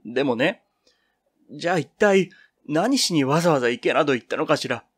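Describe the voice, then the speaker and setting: A man's voice: a little high, lively intonation, normal speed, husky, dry recording, studio quality. A man reading the part of Toku, a young woman student speaking with impassioned bitterness in a storybook reading. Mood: subdued. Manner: impassioned, lamenting.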